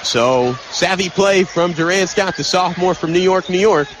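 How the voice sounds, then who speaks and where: A man with a high voice calls live play-by-play for a college basketball game on radio, his delivery clipped and his pace moderate. The arena broadcast is noisy.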